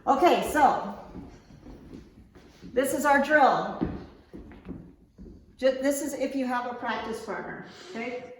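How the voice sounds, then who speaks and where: A woman's voice: high-pitched, lively intonation, takes it slowly, pauses often, a little hiss or hum. Lady teaching fencing, walks thru it step by step, informal, super echoey room. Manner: informal, checks understanding with okay. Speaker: fencing coach. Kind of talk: instructional demonstration, explaining step by step.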